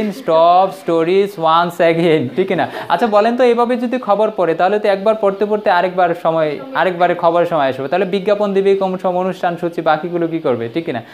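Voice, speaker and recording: A woman teaching English in a live online class. She leads the listeners through drills, keeps checking that they follow, and pauses on fillers between phrases. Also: medium pitch. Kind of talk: live online language lesson.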